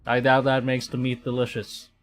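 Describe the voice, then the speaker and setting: With game music in the background, a Filipino man streams a game and reads its text out loud. He speaks at normal speed in a mid-range monotone, stammering hesitantly and reacting wryly.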